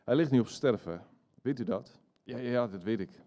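A man's voice: mid-range voice, lively intonation, moderate pace, dark tone, natural voice. A man voicing an earnest young woman, the granddaughter of a dying old man, in an eager, raised voice.

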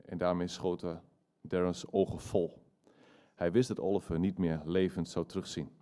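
Man, preacher, sermon story, low voice, dark warm tone. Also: flat delivery, moderate pace.

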